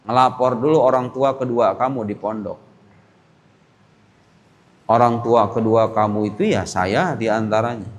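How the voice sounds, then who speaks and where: A young man of medium pitch teaches boarding school students a religious lesson in a mosque. He addresses them directly and acts out parents and children in quick little voices, and his speech trails off in a long reverb.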